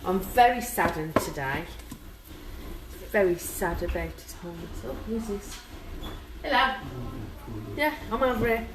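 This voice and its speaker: A woman's voice: mid-range voice, expressive, measured pace, pauses often. An English woman chatting casually and cheekily to live viewers as a home cooking show host. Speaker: home cook hosting a live cooking stream. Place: indoors in a home kitchen. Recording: noisy home recording with background ambience.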